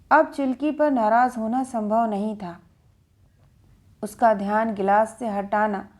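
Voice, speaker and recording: An older woman narrating a family story in an expressive, gentle storytelling manner. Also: high-pitched.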